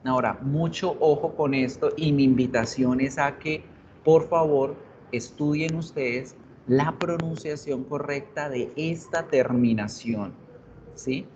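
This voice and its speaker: A man's voice: mid-range voice, a little slow, darkish tone. A man teaching an English grammar class online, explaining in Spanish and English, asking students questions and repeating example words. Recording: dull, lo-fi online class audio with faint hiss.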